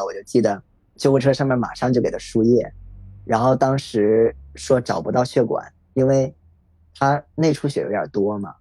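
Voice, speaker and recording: A young man in a podcast, telling a painful personal story in a quiet, reflective way. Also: medium pitch, slightly rough, no echo.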